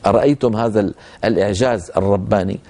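Older male recitation teacher, warm and unhurried, drawing out example words. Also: on the low side. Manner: explanatory, demonstrates recitation with slow drawn-out examples. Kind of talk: religious lecture.

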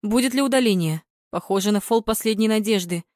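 A woman voicing a male football commentator giving measured play-by-play. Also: mid-range voice, darkish tone, no room sound, studio quality, close to an everyday voice. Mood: reporting.

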